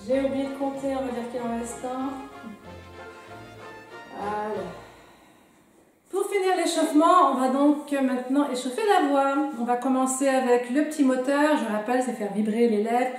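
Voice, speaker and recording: A woman teaching a drama class, calmly leading breathing and voice warm-up exercises and encouraging the listener. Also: sits high, normal speed. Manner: calm, gently encouraging, leading exercises aloud. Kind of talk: guided warm-up lesson. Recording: very echoey room with music behind.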